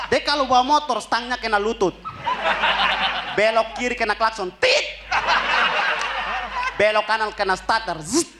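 A young man from Kupang performing a stand-up comedy routine on a TV studio stage, punchy and animated, with sound effects. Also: high-pitched. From Kupang, Indonesia. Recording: noisy stage ambience.

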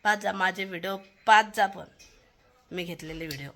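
A young woman talks to her phone camera at home, airing grievances and repeating what others told her in a long, aggrieved run. Her voice has a bright, tense edge. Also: mid-range voice, normal speed. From Maharashtra. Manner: aggrieved, complaining, quotes others at length. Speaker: family vlogger. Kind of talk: venting to camera.

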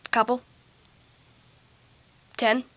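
Woman playing a grumpy, bright-voiced fox demon. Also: very slow. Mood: grumpy, defiant. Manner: irritable, complaining, exclaiming. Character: grumpy giant fox demon, long confined, defiant. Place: small carpeted room at home.

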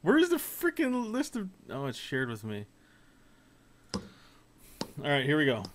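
Jokey guy hosting a podcast, highish voice, really animated, chatting casually. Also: a little slow, background noise. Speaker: podcast host. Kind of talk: casual chat and show introductions. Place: small room, on a video call.

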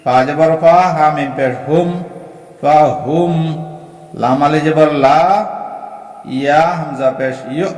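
A man teaching Quran recitation, spelling out each word letter by letter and then chanting it slowly and drawn out. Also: fairly high pitch, fairly even intonation, a little mellow. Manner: slow and deliberate, chants the words drawn out. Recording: echoey room with long reverb.

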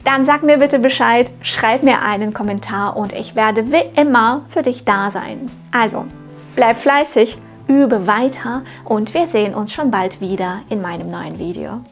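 Female pronunciation coach, fairly high voice, very slow and deliberate delivery, faint music underneath. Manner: slow, carefully articulated demonstrations of sounds; clear, encouraging teacher address to the learner. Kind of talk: scripted language lesson.

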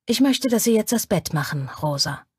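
A woman voicing a commanding, stern man in an audiobook, speaking slowly and with authority. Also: big pitch swings, slightly rough, dry recording, clean studio sound. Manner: slow, low and authoritative.

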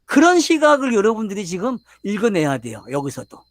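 An older pastor delivers a Bible sermon lecture in a high voice whose pitch swoops wildly, speaking briskly. He keeps questioning his listeners and pressing his points emphatically.

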